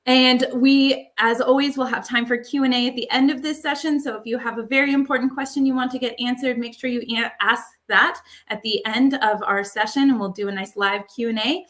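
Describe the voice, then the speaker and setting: A woman hosts a live online show in a casual, upbeat way, with plenty of fillers. Her voice is bright and sits a little high. She talks into a makeshift microphone. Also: fairly even intonation, fairly quick, few pauses. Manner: chatty, upbeat, many fillers. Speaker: livestream host. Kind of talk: casual live webinar hosting.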